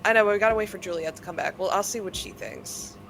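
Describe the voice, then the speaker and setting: A young woman with a Philadelphia accent co-hosting a casual podcast chat, chatty and quick to laugh. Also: medium pitch, creaky, fairly bright tone. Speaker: podcast co-host.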